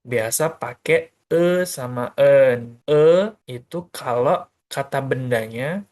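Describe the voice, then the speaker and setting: A man's voice: medium pitch, slow, a little mellow. A male teacher giving a beginner grammar lesson, explaining step by step in a casual, chatty way and asking questions he answers himself. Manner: casual and chatty, uses many fillers. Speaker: English teacher.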